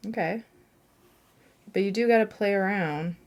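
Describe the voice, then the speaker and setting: A woman's voice: mid-range voice, a little slow, a little mellow. A young woman, a watercolour artist, chatting casually and laughing at herself as she paints. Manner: chatty, self-mocking, thinking aloud with laughs.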